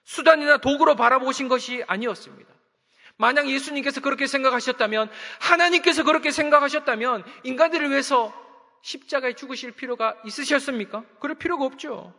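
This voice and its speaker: A man preaching a sermon in a strikingly high, bright voice. He presses his point with rhetorical questions and keeps calling out to the congregation. His words ring out with the long reverb of a large hall. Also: fast. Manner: earnest, with rhetorical questions and repeated appeals to the congregation. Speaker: pastor.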